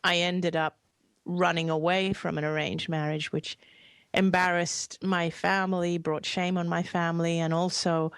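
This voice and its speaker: Earnest low-voiced woman guest, dry sound. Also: flat delivery, a little slow, smooth, no echo. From Hong Kong. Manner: earnest, heartfelt, softly emphatic. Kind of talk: reflective interview storytelling.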